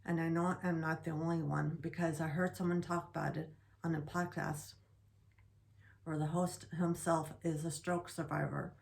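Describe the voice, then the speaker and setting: A woman with a low, gravelly voice reads her prepared remarks slowly. Her speech halts and restarts words, and her tone stays flat and even throughout. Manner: slow halting speech with restarts. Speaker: guest sharing stroke recovery.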